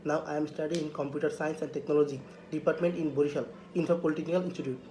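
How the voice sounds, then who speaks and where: A man's voice: fairly high pitch, flat delivery, racing, mellow, slight background noise, poor audio. A young man from Bangladesh with a Bangladeshi accent, reciting a self-introduction as a student applicant and stumbling over words.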